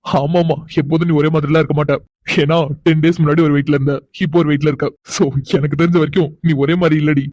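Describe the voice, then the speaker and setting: A woman's voice: deep voice, little pitch movement, fast talker, mellow, no room sound. A woman voicing a doting, teasing young husband in a cartoon, coaxing and chuckling as he talks. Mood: teasing, fond. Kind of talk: animated cartoon voice acting.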